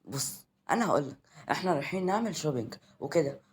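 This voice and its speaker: A man's voice: fairly high pitch, lively intonation, rapid-fire, a little hiss or hum, close to an everyday voice. A man voicing a sly, pushy young woman in an Egyptian accent, in a read-aloud audio story.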